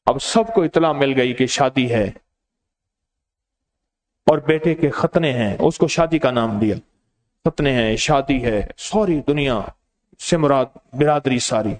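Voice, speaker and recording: A man giving a sermon, telling stories and speaking directly to his listeners in an animated way. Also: mid-range voice, pauses often. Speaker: religious preacher. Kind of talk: storytelling sermon.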